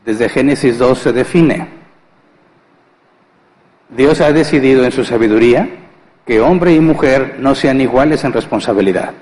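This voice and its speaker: A man's voice: medium pitch, a little slow, long pauses, a little mellow, in a large hall, low-quality recording. A male pastor giving a conversational sermon, asking rhetorical questions and acting out family scenes with humor. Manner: conversational, asks rhetorical questions and answers them; acts out household scenes with humor. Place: church.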